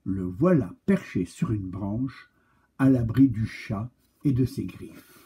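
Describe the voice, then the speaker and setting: A man reading a picture-book tale aloud to children, animated and speaking directly to his young listeners. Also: fairly low pitch, slow, husky. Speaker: storyteller for children.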